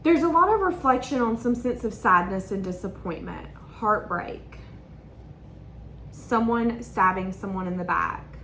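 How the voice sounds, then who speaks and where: A woman's voice: medium pitch, animated, unhurried, fairly bright tone, echoey room, a little hiss or hum. A woman giving a tarot reading to her viewers, talking in an emotional, rambling, repetitive way. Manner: emotional, stream-of-consciousness, repeats herself. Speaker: tarot reader.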